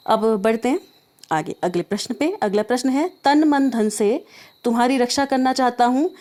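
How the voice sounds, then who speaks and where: A woman teacher walking through exam questions step by step, often pausing to check in with her students. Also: a little high, darkish tone. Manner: explains step by step, keeps checking in. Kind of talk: exam prep lesson.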